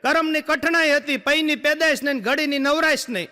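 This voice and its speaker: A man's voice: very high voice, moderate pace, sharp tone. A male stand-up comedian, telling punchy jokes with rhetorical asides to the crowd. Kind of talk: live stand-up storytelling. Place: live stage show. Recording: echoey hall reverb.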